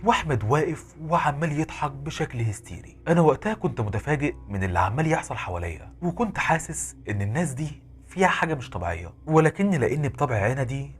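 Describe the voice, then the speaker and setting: A man with an Egyptian Arabic accent narrating a horror story in a dramatic, animated way. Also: mid-range voice, fast.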